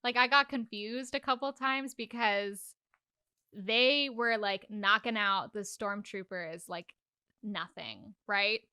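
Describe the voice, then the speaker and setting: Bright, smooth-voiced woman for a curious podcast co-host, laughs a lot. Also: mid-range voice, slow, dry recording, clean studio sound. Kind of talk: casual recap chat.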